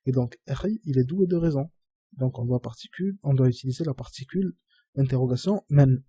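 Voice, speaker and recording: A man teaching a lesson, patiently repeating each phrase slowly. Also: mid-range voice, dark tone, breathy edge, no echo. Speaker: Arabic teacher. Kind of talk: slow classroom explanation.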